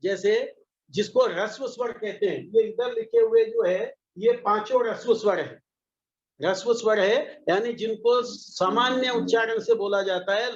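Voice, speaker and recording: Slow, high-voiced man teaching pronunciation. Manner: slow, patient, demonstrates each sound aloud. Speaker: Sanskrit teacher. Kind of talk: classroom lesson on pronunciation. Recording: echoey, slightly dull recording.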